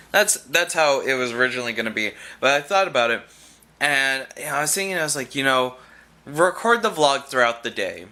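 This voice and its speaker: A man's voice: medium pitch, bright, forceful tone. A young man chatting casually in a rambling vlog, chewing gum as he talks and often restarting his sentences. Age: young adult. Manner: rambling, full of fillers and restarts; chewing gum while talking. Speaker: vlogger.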